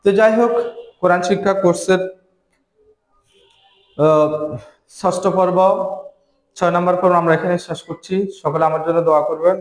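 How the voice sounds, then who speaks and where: A man teaching a reading lesson, patiently spelling out syllables one by one in a steady chant. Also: sits high, normal speed, long pauses, roomy sound, rough recording.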